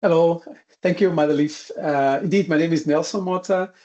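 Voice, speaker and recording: A man's voice: on the high side, normal speed, darkish tone, highs cut off. A man, an associate professor, introducing himself politely and formally on a video call. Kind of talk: self-introduction.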